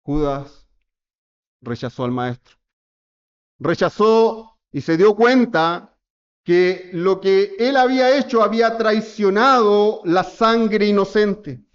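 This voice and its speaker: High-voiced preacher, lo-fi. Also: male voice, slow pace, smooth. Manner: earnest preaching with rhetorical questions to the congregation. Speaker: presbyter preaching. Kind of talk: sermon. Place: church.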